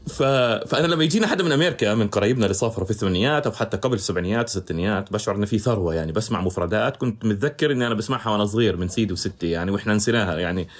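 Very fast-talking Palestinian man, low-pitched. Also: expressive. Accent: Palestinian Arabic, rural Jerusalem and Ramallah area. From Palestine, villages near Jerusalem and Ramallah. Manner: bookish, slips into formal Arabic wording. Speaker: podcast guest. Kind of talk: reflective conversational interview, mixing dialect with formal Arabic.

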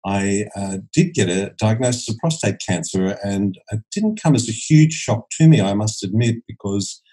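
A man's voice: lowish voice, lively intonation, moderate pace, warm tone, husky, low-quality recording. A man in his sixties from Australia, a holistic dentist, talking as a podcast guest in a hesitant way with many restarts. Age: 60s. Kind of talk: podcast interview.

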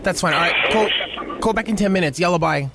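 A man's voice: sits high, fast, vocal fry, very noisy. A man voicing a sassy, flirty woman from Bankstown who answers a radio phone line, with an Australian accent, brash and calling everyone bro. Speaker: radio host doing a character. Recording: loud music behind.

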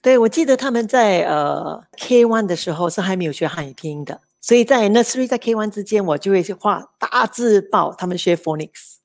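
A middle-aged woman with a lilt to her tells lively stories about raising her children. She mixes English words into her speech and keeps her voice in an ordinary middle range. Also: medium pitch, brisk, hardly any pauses. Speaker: interview guest, mother of three. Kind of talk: casual storytelling interview.

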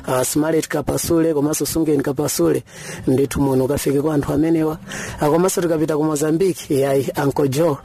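A man's voice: on the high side, mellow, breathy edge. A man from Malawi with a Malawian accent, a singer giving informal greetings to friends and family.

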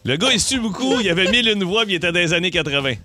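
A man's voice: high voice, lively intonation, very fast, over music. A middle-aged man with a Québécois French accent hosting a radio morning show, running a quiz with playful, teasing banter and frequent laughs.

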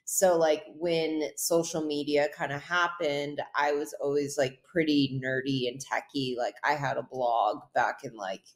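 A woman's voice: sits low, measured pace, hardly any pauses. A woman in her thirties from Hawaii, a guest talking casually in an interview, rambling with lots of "like". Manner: relaxed, rambling, heavy use of "like". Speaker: guest, pro surfer.

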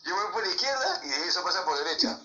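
A Peruvian-accented man spins animated football anecdotes with sound effects like "pa, pum". His voice is bright and sits somewhat high. The recording is dull and roomy, with faint music behind. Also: fast talker. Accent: Peruvian Spanish. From Peru. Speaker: former footballer guest. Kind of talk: anecdotal interview storytelling.

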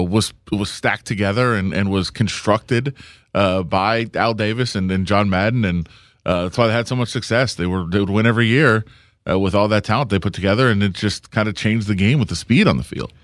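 A man giving casual, halting sports analysis on a radio show. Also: fairly low pitch, dry recording, studio quality.

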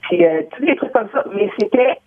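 A woman caller with a Quebec French accent who talks fast and excitedly while telling a story on a call-in show. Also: fairly high pitch. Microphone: phone. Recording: tinny phone line.

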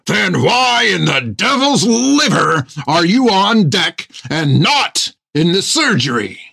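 A man voicing a gruff, furious pirate first mate with a mechanical leg, bellowing at his crew. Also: high-pitched, sing-song, slow pace, bright, forceful tone, no echo, studio quality, voice pushed up, heavily acted. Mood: roaring. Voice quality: bellowing, rough.

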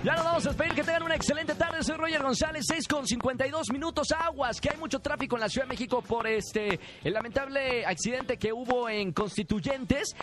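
A man's voice: very high voice, quick pace, music in the background. A man with a Mexican accent hosting a call-in radio giveaway, playful and teasing. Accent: Mexican Spanish. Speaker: radio host.

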